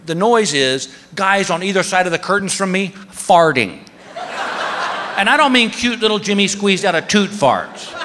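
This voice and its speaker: Animated high-voiced male stand-up comic. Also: moderate pace, a little hiss or hum. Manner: animated, acts out characters with high yelps. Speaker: stand-up comedian. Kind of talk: stand-up storytelling. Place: live stage before an audience. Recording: live hall with crowd laughter.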